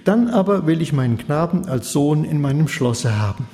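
A man's voice: a little high, animated, normal speed, warm tone. A man voicing a haughty young princess in a Bible story, gushing and commanding. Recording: long hall reverb.

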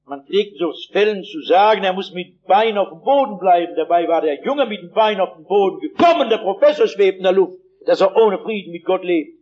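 Man preaching, high voice, vivid emphatic storytelling, dry humor, dull lo-fi old recording. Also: brisk, hardly any pauses, darkish tone. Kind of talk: sermon.

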